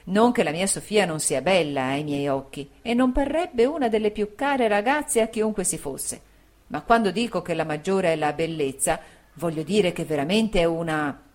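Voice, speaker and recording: A woman's voice: fairly low pitch, animated, normal speed, a little mellow, lightly acted. A woman reading the part of a shy, earnest young man who speaks in a hesitant, thoughtful way in an audiobook.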